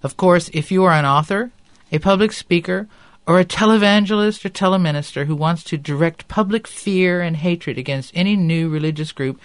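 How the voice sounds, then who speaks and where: A man presents a podcast in a somewhat high voice, recorded very dry. He explains earnestly and reads aloud, his articulation slightly impeded by a dental appliance. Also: no room sound. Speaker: podcast host. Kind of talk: podcast talk with read-out quotes.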